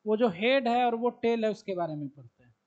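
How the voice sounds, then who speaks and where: A man's voice: high voice, expressive, brisk, a little mellow. A man with a Bihari Hindi accent teaching a biology class. He asks the students questions, answers them himself and repeats key terms as he writes them on the board. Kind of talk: classroom lecture. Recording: dull lo-fi classroom recording.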